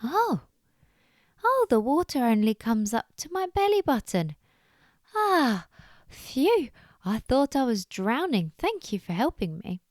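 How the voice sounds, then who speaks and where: A woman's voice: a little high, sing-song, moderate pace, hardly any pauses, darkish tone, dry recording, clean studio sound. A woman voicing a panicky little boy bunny in a storybook, with a squealing, breathless, fretful voice. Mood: relieved, eager.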